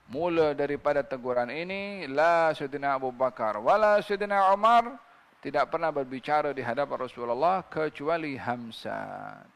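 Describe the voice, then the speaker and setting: Guy preaching, kinda high voice with a lot of gravel, keeps asking the crowd rhetorical questions. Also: long reverb tail. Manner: asks listeners rhetorical questions and recites scripture in Arabic. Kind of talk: religious sermon.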